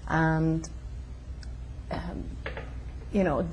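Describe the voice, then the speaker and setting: Brief: young woman, low mellow voice, hesitant pauses. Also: fairly even intonation, a little hiss or hum. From Sweden. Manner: hesitant, pausing with ums. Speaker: interview guest. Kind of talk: conversational interview. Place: living room of a home.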